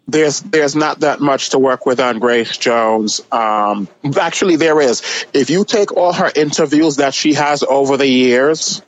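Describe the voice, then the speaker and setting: Man, Jamaican accent, medium pitch, casual opinionated talk, assertive, emphatic repetition. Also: measured pace, rough recording. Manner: emphatic, assertive, repeats phrases for effect.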